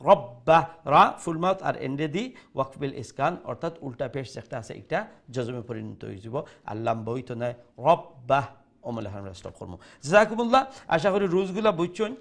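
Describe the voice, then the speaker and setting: A man teaching Quran recitation rules live, explaining slowly and reciting words in a sung tone. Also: medium pitch, very animated, vocal fry. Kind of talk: live tajweed lesson, switching between Bengali and English.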